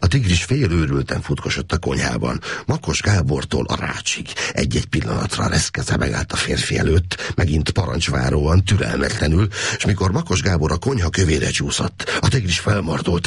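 A man narrating an audiobook in a steady, expressive reading voice. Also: extremely low pitch, gravelly, husky, no room sound, studio quality.

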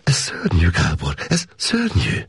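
A man reading an audiobook, voicing a gentle, caring young woman in a soft, raised, pleading voice. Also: low voice, huge pitch swings, slightly rough, no echo, studio quality, pitched above the performer's own voice, heavily acted.

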